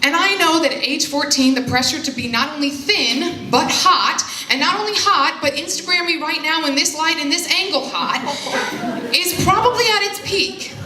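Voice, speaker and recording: A woman's voice: high-pitched, animated, moderate pace, background noise. Brief: young woman speaking on stage, candid and self-mocking, echoey room. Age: young adult. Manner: candid, self-deprecating humor. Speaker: foundation spokesperson. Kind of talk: personal speech to an audience. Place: stage before a live audience.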